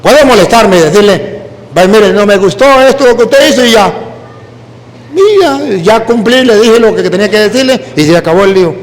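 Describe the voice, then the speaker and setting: A Venezuelan man, a priest, preaching a sermon full of lively personal stories in which he mimics the people he quotes. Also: sits high, normal speed, big-room sound. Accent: Venezuelan Spanish.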